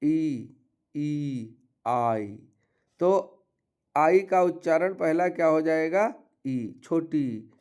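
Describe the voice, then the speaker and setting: A man's voice: a little high, expressive, extremely slow, darkish tone, smooth. A man teaching English pronunciation rules, explaining step by step and listing example words. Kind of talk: classroom-style pronunciation lesson.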